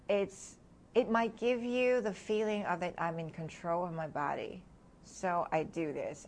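In her interview, this thirty-something woman from Hong Kong talks with a fairly low pitch, sharing candid reflections punctuated by gentle laughter between thoughts.

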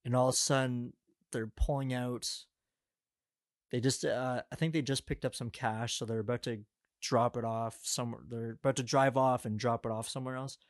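A man's voice: mid-range voice, steady tone, moderate pace, no room sound, clean studio sound. A young man casually reviewing and recapping, rambling and exasperated, with lots of filler words. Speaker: commentator.

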